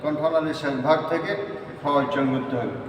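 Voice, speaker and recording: A man's voice: a little high, fairly quick, highs cut off, a little hiss or hum. A man teaching Quran letter pronunciation in a lesson. He goes step by step and repeats each letter three times. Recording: echoey hall from far off.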